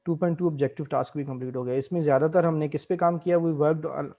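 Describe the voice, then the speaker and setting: Speaking fast with a fairly high pitch, a man leads a screen-recorded Excel tutorial. He explains each spreadsheet task in sequence, keeps his teaching pace steady, and weaves English words into the instruction.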